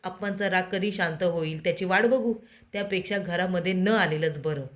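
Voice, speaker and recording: A wounded young man pours out his complaints, defiant and pleading, as a woman narrator puts him on. The voice is lowish and raised with grievance. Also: a little fast, close to an everyday voice. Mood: aggrieved. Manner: pleading, aggrieved.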